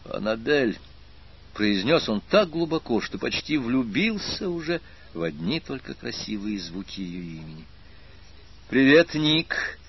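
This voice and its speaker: A man narrating an audiobook in a measured, expressive reading with a husky voice. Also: medium pitch, muffled recording. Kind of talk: scripted narration.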